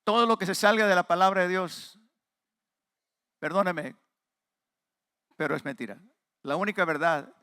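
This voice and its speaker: A man with a Mexican Spanish accent, preaching a sermon and speaking straight to the congregation, emphatic with quieter asides. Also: fairly high pitch, no echo, studio quality. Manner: addresses the congregation directly. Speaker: pastor.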